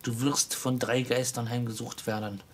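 A man reading the part of a chained ghost of an old miser, speaking in a solemn, slow, mournful way. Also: mid-range voice, flat delivery, slight background noise, close to an everyday voice. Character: ghost of an old male miser, grave, sorrowful, bound in chains.

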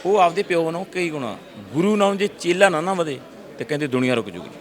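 A middle-aged man, telling lively stories in an interview and acting out voices. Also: a little high, fast. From Punjab, India. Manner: lively storyteller, acts out voices, frequent restarts. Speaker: actor interviewee. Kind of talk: animated casual interview talk.

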